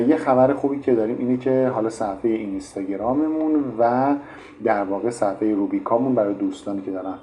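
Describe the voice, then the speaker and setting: A man's voice: fairly low pitch, muffled recording, a little hiss or hum. A man teaching English pronunciation in an online lesson, explaining patiently with frequent fillers. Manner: explanatory, many fillers like "in fact".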